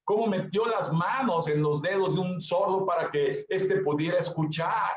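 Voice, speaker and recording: Male pastor, high voice, emphatic repeater, roomy lo-fi church recording. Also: moderate pace. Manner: emphatic repetition, addresses listeners directly. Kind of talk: sermon. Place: church hall. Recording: echoey, dull lo-fi church recording.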